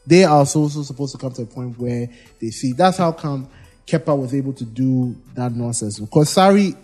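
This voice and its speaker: A man co-hosting a casual football podcast, with a mellow, slightly husky voice. He talks in a hesitant way, restarting his sentences as he argues his point. Faint music sits behind him. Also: medium pitch, expressive, fairly quick. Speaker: podcast co-host.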